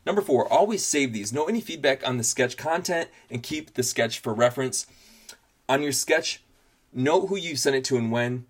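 A man's voice: medium pitch, moderate pace. Upbeat guy doing a tidy advice vlog, informal tutorial host, plain talk w/ emphasis on each tip. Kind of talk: scripted advice vlog narration with numbered tips.

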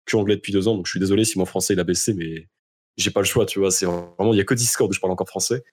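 A man's voice: deep voice, steady tone, racing, a little mellow, breathy edge. A young man from France talking casually as an interview guest, in an informal, slangy way with emphatic repetition. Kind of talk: casual conversation.

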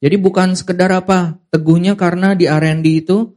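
A young man preaching a sermon, animated and emphatic, leading his audience in call-and-response and dropping to quiet, serious asides. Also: a little fast. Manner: animated, rising to high emphatic peaks, then dropping to quiet; calls and response, has the audience repeat lines. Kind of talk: sermon to a youth congregation.

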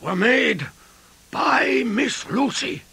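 A gravelly, urgent old professor. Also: male voice, very high-pitched, expressive, extremely slow, pushed and bright, heavily acted. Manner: emphatic, pleading. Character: elderly male professor, earnest and urgent. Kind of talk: radio drama acting.

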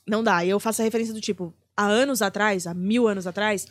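A woman's voice: medium pitch, fairly even intonation, fast, no echo. A woman comedian, a guest on a podcast, chatting casually and swearing freely.

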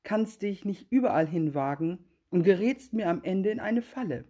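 A woman's voice: mid-range voice, lively intonation, normal speed, warm tone, husky. A woman doing a sly, coaxing greedy cat. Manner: sweet-talking, coaxing, then curt. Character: sly greedy female cat, smooth talker.

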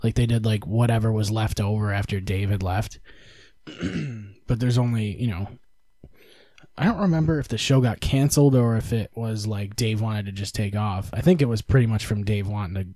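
A young man co-hosting a podcast, talking loosely with frequent laughs and casual swearing. His voice sits low and mellow. The sound is close and dry, with no room around it. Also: moderate pace, no room sound. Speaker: podcast co-host. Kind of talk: casual chat.

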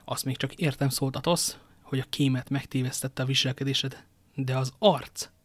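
Man doing a calm stern musketeer, measured, dry close sound. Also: mid-range voice, dry recording, lightly acted.

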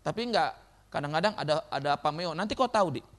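A man preaching a sermon as pastor, lively and joking with his congregation in a church. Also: a little high, quick pace.

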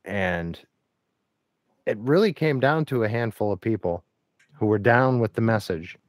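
A man hosting a podcast who explains his point deliberately, step by step, in casual talk. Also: fairly low pitch, lively intonation, dry recording. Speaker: podcast host. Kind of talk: casual conversation.

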